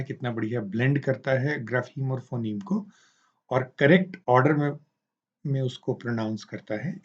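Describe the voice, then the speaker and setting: A man giving a recorded teaching lecture, explaining slowly and deliberately with hesitant fillers. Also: medium pitch, husky, dull audio. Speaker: teacher educator.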